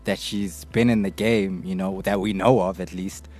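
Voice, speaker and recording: A man's voice: low-pitched, steady tone, moderate pace, darkish tone, breathy edge, soft background music. A man with a South African accent discussing casually as a podcast panelist, often checking in with small tag phrases. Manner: often tags phrases with "you know".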